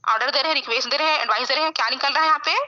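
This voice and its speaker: A woman's voice: high-pitched, very fast, sharp tone, lo-fi sound. A woman teaching English grammar in an online class, explaining rules step by step and often checking in with her students.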